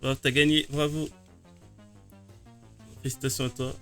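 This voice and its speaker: Male streamer, casual chat with viewers, mid pitch, faint music underneath. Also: flat delivery, normal speed, pushed and bright. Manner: chatty, self-mocking.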